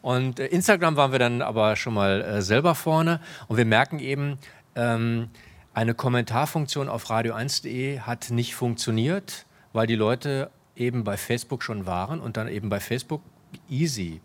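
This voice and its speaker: Man, radio staffer, mid-pitched, hesitant, filler-heavy, live audience talk. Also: normal speed. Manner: hesitant, many filler sounds. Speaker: radio station staff member.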